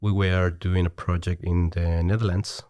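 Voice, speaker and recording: In studio-quality audio with no echo, a middle-aged man from Chile chats as a podcast guest in a deep, slightly mellow voice with a Chilean Spanish accent. His delivery is flat and moderately paced, but the casual talk is full of hesitations, restarts, and easy laughter.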